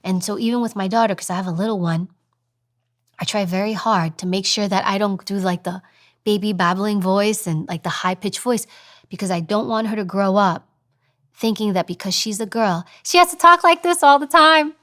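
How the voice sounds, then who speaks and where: Animated woman guest, expressive storyteller. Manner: animated storytelling, acts out high fast voices. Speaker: guest, former agent and news presenter. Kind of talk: interview conversation.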